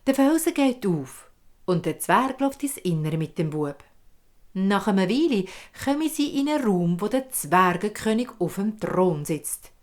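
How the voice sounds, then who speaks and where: A woman with a Swiss German accent telling a fairy tale in a vivid, expressive way. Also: medium pitch, measured pace. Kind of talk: oral fairy-tale storytelling.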